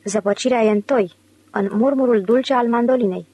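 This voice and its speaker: A woman's voice: on the high side, dark tone, slightly rough, rough recording. A woman reading the part of a brash, scheming male con man in an audiobook, with a mocking, argumentative way of talking.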